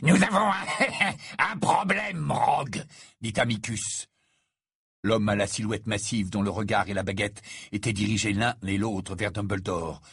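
A man's voice: fairly low pitch, level tone, moderate pace, a bit bright, slightly rough, no echo, studio quality. A man reading aloud voices a sneering, crooked-faced male henchman who cackles and taunts. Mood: amused. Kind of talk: audiobook character voice.

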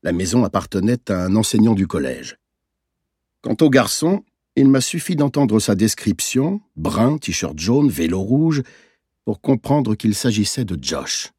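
A man narrating a novel in the first person, in a measured, reflective storytelling manner. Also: fairly low pitch, mellow, slightly rough, no room sound, studio quality. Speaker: audiobook narrator.

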